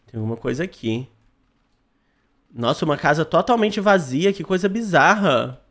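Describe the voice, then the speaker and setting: Young Brazilian male let's-play host; jumpy, exclaiming, high and animated. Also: normal speed. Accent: Brazilian Portuguese. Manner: jumpy, exclaiming, talks to chat. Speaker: gaming channel host. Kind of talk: horror game let's play commentary.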